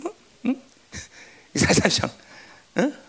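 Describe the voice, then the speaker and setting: A pastor preaching a sermon who keeps prodding listeners for replies and swings between shouting and hushed asides in church. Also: a little slow.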